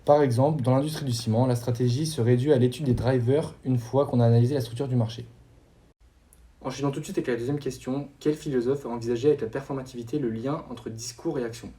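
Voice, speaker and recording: A young adult man hosts a scripted quiz show, rattling off questions very quickly. His medium-pitched voice is dark and mellow, and he reads each explanation in a steady announcer style.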